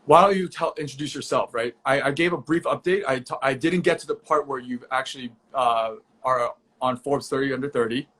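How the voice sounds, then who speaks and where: A young man hosts an online conversation over a video call, his voice sitting in an ordinary middle pitch. He talks casually and upbeat, filling gaps with ums and quick restarts. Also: a bit bright. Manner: casual, upbeat, with frequent fillers. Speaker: host. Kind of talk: virtual event interview.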